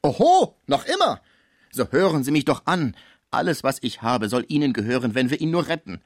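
A man's voice: expressive, brisk, no echo, clean studio sound. A man reading a novel aloud, voicing a scheming, melodramatic middle-aged female concierge. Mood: wheedling. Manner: shrill, wheedling and melodramatic. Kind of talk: audiobook character voice.

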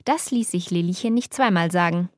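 A woman narrating a story in a measured, mock-solemn reading style. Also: lowish voice, no room sound, studio quality.

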